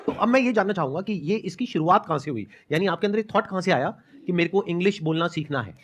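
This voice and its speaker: Fast-talking man hosting a live show. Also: high-pitched, expressive, husky. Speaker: talk show host. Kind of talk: live stage interview.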